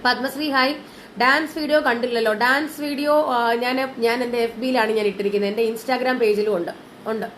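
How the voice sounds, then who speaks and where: Female live-sales host, higher register, casual and chatty despite a cold, some background noise. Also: steady tone, a little fast. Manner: chatty, mixing in English words. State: has a lingering cold and cough. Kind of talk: casual live sales chat, greeting viewers.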